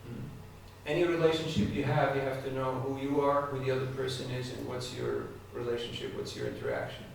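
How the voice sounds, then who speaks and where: Speaking a little fast in a mid-range voice with lively intonation and vocal fry, a man gives a conversational devotional talk, putting direct questions to his live audience. The mic is distant in an echoey hall, with faint noise.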